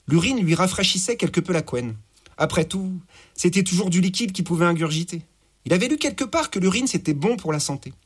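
A man narrating an audiobook in a crude, lively storytelling manner. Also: fairly high pitch, husky.

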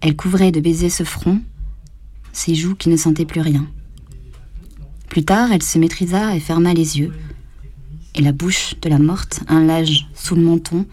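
Low, mellow woman reading a novel. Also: fairly even intonation, a little slow, pauses often, breathy edge. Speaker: audiobook reader.

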